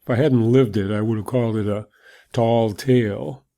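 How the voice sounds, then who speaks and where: A man's voice: mid-range voice, steady tone, normal speed, creaky, warm tone, close to an everyday voice. A man playing a weary Roman soldier in a dramatic monologue, telling his story in a reflective, conversational way. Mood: matter-of-fact, weary. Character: weary Roman soldier recounting an execution, awed.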